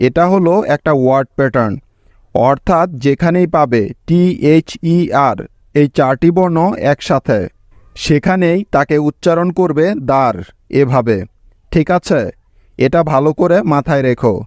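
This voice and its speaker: A man's voice: on the high side, moderate pace, a little mellow, dry recording. A man teaching English spelling step by step, patiently breaking each word into sounds and checking in with his students. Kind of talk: slow step-by-step spelling lesson.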